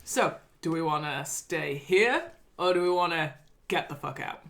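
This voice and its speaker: A woman's voice: sits low, expressive, measured pace, vocal fry, a bit bright. A woman with an English accent playing a tabletop game, blunt and wry in casual chat. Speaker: player.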